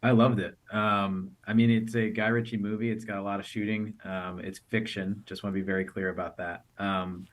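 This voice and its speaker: A man's voice: lowish voice, flat delivery, normal speed, few pauses. A man, an army veteran guest, speaking earnestly and reflectively in an interview. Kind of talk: interview conversation.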